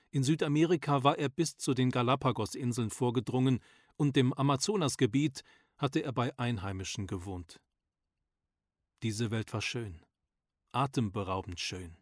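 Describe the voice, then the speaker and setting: Calm man narrating an audiobook. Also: mid-range voice, no echo, clean studio sound. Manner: calm, measured storytelling.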